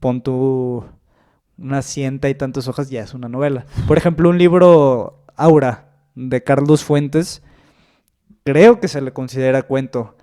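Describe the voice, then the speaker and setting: A man with a Mexican accent, a guest who writes short stories, speaks in a casual podcast chat. His voice is smooth and resonant at a middle pitch. He hesitates often and thinks aloud between filler words. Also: a little slow, dark tone. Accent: Mexican Spanish.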